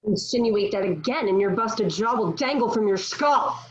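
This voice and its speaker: A woman playing a proud, sharp-tongued young Joan of Arc in a dramatic script read, defiant, sardonic and declamatory. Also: mid-range voice, expressive, normal speed, lightly acted. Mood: defiant, dry. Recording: dull, lo-fi video call audio.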